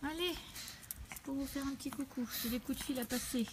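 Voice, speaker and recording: A woman talking casually on a live home video, coaxing and scolding her dogs in an animated way. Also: high voice, brisk, noisy background. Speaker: dog owner streaming live. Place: at home, indoors.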